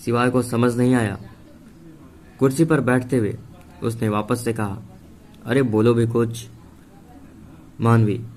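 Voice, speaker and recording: Low-voiced male story narrator. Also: a little mellow, slight background noise. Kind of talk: scripted narration.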